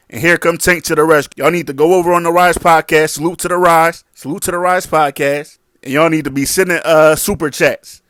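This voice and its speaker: A man's voice: a little high, fairly bright tone, no echo, studio quality. A man giving casual boxing commentary in a blunt, slangy, combative way.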